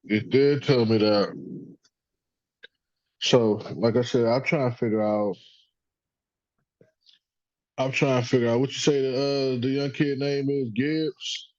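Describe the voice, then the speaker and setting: A man's voice: mid-range voice, steady tone, measured pace, long pauses, darkish tone, dry recording, lo-fi sound. A man hosting a casual sports podcast, rambling and profane, joking with his son over a call. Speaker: podcast host.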